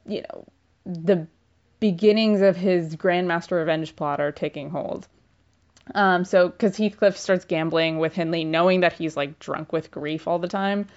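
A young woman gives a casual book summary in a chatty, irreverent voice. She leans on filler words and slang. The recording sounds slightly dull and lo-fi. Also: on the low side.

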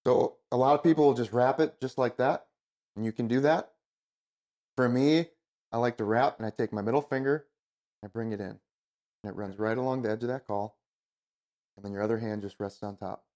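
A man's voice: medium pitch, a little fast, long pauses, a little mellow. A man giving casual hands-on instruction as an expert, in a plain-spoken, informal way. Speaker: goose calling expert, instructor.

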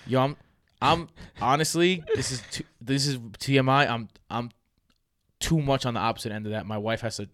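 A man in his 30s co-hosts a fantasy football podcast with his brother, trading loose jokes and laughing often in an animated way. His mid-range voice moves at a moderate pace, recorded at studio quality with no echo.

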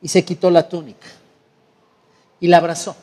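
A man's voice: a little high, flat delivery, moderate pace, warm tone, long reverb tail. A male preacher, telling a story in a sermon as a vivid storyteller. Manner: vivid storyteller acting out scenes.

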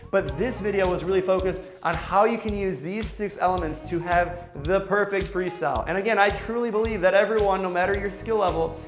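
A man's voice: high voice, reverberant. A man giving an instructional video lesson as a swim coach, emphatic and instructive, repeating his key points.

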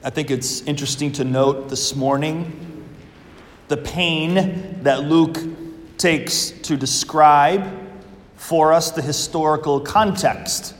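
A man speaking as a priest at church, solemn and measured with deliberate pauses, his voice in a long cathedral echo. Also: on the high side. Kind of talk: Gospel reading and homily. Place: large church, indoors. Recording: echoey church with long reverb.

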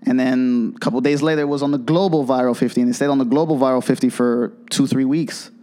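A man's voice: mid-range voice, fairly even intonation, quick pace, dark tone. A young man, a DJ and producer, answering interview questions casually and eagerly. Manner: casual and eager, lots of fillers. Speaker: DJ and producer guest. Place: office space during an event.

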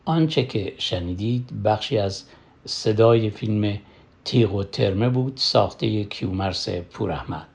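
A man hosting a cinema program, presenting scripted introductions in a formal, measured way. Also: lowish voice, creaky, breathy edge. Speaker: radio host.

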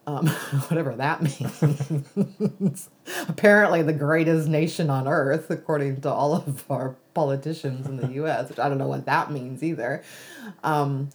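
In a reflective interview, an American woman speaks at a measured pace in a deep, steady voice. She's thoughtful, restarts a lot and laughs readily.

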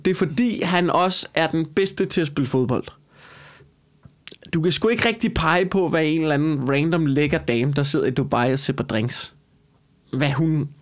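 Pitched fairly high, a male comedian and talk show co-host talks in a loose, combative manner. He is emphatic and lively, cursing and repeating phrases over and over to press his argument.

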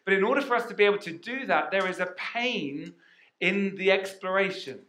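High, bright-voiced preacher in an echoey hall. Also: male voice, brisk. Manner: energetic, asks the congregation questions. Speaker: pastor. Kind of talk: sermon. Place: church hall. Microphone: headset mic.

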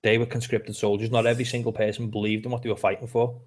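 A man's voice: mid-range voice, flat delivery, fast. A man with a Liverpool accent, co-hosting a casual podcast chat and telling stories in a chatty way. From England. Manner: chatty storyteller, swears now and then. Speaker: podcast co-host.

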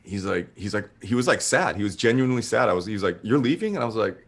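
A man's voice: on the low side, fast. A man casually telling a long story, rambling and swearing, acting out what people said. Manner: rambling, profane, animated retelling with acted-out quotes.

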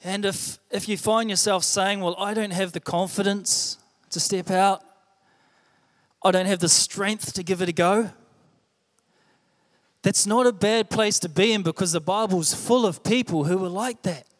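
In an echoey church hall, a young man with a New Zealand accent delivers a sermon at a measured pace, his voice high and light. His tone is earnest and conversational, and he frequently doubles back over his own words, with a long echo trailing each line.

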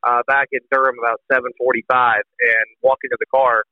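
A man's voice: medium pitch, little pitch movement, brisk, no room sound. A young man, a college baseball announcer, talking earnestly and emotionally as a podcast guest. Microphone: phone call. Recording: tinny phone line.

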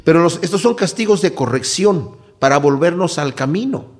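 A man preaching a Bible sermon as a pastor, acting out quoted voices with wide swings in pitch. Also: lively intonation, normal speed.

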